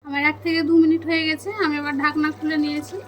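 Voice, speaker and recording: A woman narrating a cooking video step by step, calmly addressing viewers as friends. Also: high voice, very fast, background noise. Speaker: cooking channel host.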